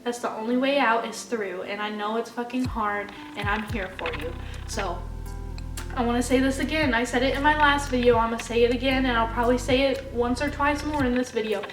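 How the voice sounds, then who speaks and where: A woman's voice: on the high side, fairly quick. A woman in her twenties talking earnestly to camera, encouraging viewers and swearing casually in unedited vlog talk. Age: 20s. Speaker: vlogger. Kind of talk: unscripted heartfelt talk to camera. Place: home room with her dogs. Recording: echoey room, distant mic, loud music behind.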